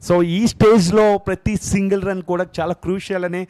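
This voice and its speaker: A man with an Indian accent giving excited, exclamatory live cricket commentary as a co-commentator. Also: sits high, fairly quick. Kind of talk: live cricket commentary mixing Telugu and English.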